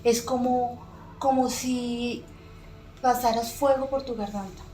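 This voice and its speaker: A middle-aged woman giving an earnest, emotional personal faith testimony as a podcast guest, pausing often with soft fillers. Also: a little high, steady tone. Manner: earnest, emotional storytelling with many pauses and fillers. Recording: echoey room with faint music.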